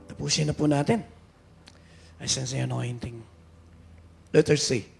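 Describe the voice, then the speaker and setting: A man with a Filipino accent preaching a sermon as pastor, switching between Tagalog and English and rising at times to shouts. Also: mid-range voice, fairly even intonation, unhurried, creaky, faint music behind. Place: church sanctuary.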